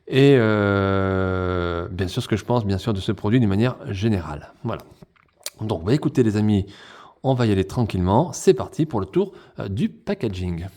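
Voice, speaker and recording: A man with a low, warm and mellow voice reviews a toy in a relaxed unboxing chat. He talks to his viewers directly, as if to friends, and keeps the tone easygoing. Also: moderate pace. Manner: chatty, speaks straight to viewers as friends.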